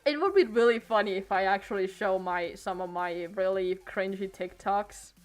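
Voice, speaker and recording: With soft music in the background, a teenage girl in her late teens chats on stream at home through a desk mic, at a medium pitch and normal speed. Her talk is casual and rambling, full of hesitations, trailing thoughts, and restarts.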